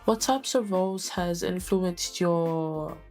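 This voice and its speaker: A woman's voice: fairly low pitch, slow pace, a little mellow, soft background music. Young woman hosting an interview. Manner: polite, straightforward questions. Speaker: interview host.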